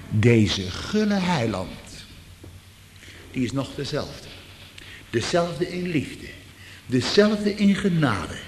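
A man preaching a sermon as pastor, slow and deliberate, swelling into fervent near-shouts. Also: high-pitched. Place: church. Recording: reverberant church, ambient noise.

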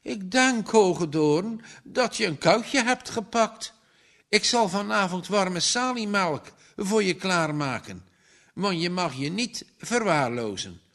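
A man's voice: high voice, very animated, takes it slowly, a bit bright, pitched above the performer's own voice, exaggerated voice. A man voicing a fussy caring housekeeper woman. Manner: caring, scolding.

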